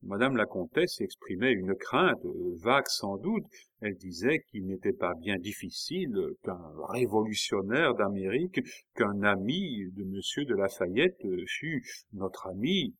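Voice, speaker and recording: A man voicing a proud, jealous queen who speaks with sharp irony that rises to fury. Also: lowish voice, big pitch swings, measured pace, full character voice. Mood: haughty. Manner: sharp, biting, rising to fury.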